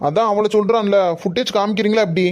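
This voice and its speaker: A man's voice: high voice, fairly even intonation, quick pace, close to an everyday voice. Man playing a brash, bossy officer. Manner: bossy, scolding. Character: pushy investigating officer, brash and impatient.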